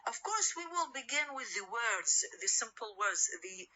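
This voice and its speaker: A woman's voice: on the high side, very animated, unhurried, pushed and bright, low-quality recording. A woman lecturer, patiently explaining and asking rhetorical questions she answers herself. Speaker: university lecturer. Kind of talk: recorded lecture, switching between English and Arabic.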